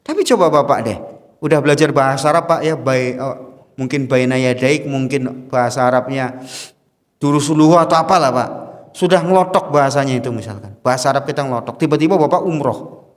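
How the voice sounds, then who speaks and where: A man's voice: mid-range voice, a little fast. A man teaching a casual study lecture to a congregation, chatty and asking his listeners questions. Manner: chatty, asks the audience questions, chuckles often. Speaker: religious teacher. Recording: long hall reverb.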